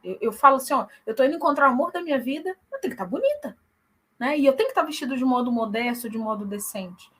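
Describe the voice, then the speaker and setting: Bright high-voiced woman, earnest. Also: sing-song, quick pace, slightly rough. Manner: earnest, frequent tag questions. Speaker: guest, church singer. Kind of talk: conversational interview.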